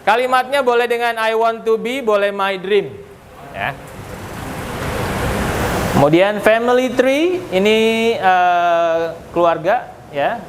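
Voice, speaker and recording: A man's voice: high voice, slow, long pauses. A man teaching English vocabulary to a class, joking and quizzing the students. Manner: joking, asks the class questions. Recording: noisy classroom recording.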